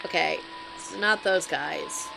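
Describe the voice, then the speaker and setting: A woman's voice: deep voice, takes it slowly, vocal fry, over music. A woman streamer chatting wryly to her viewers as she plays a game live. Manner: chatty, wry asides to viewers.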